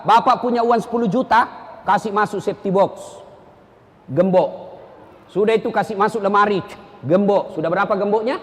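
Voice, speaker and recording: A man preaching a humorous sermon, telling stories and acting out the people in them. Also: extremely high pitch. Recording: long hall reverb.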